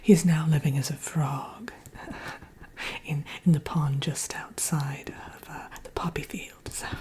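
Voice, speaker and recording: A woman voicing a vain, sassy witch in a breathy, unhurried ASMR whisper, coy and condescendingly friendly. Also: low-pitched. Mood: dryly amused. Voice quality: breathy, soft-spoken whisper. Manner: unhurried, coy, self-admiring, calls listener dearie.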